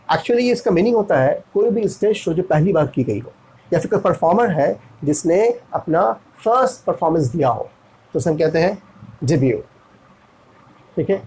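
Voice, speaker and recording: A man's voice: a little high, warm tone, slight background noise, poor audio. A man from India teaching pronunciation, repeating each word and spelling it out letter by letter. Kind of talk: classroom pronunciation lesson.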